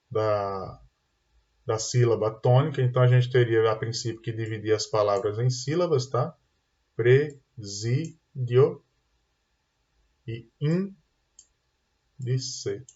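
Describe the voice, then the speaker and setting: A man's voice: medium pitch, a little mellow. A man with a Brazilian Portuguese accent teaching an online exam-prep lesson, explaining step by step and often checking in with "tá?" and "né?". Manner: explanatory, tag questions "tá?" and "né?". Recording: dull lo-fi sound.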